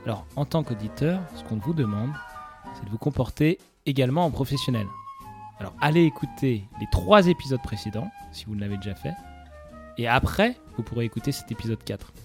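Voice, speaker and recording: Un homme qui co-anime un podcast humoristique, s'adressant aux auditeurs avec un sérieux feint. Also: male voice, medium pitch, expressive, fairly quick, darkish tone, soft background music. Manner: addresses listeners with mock seriousness. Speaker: podcast co-host. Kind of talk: comic sketch.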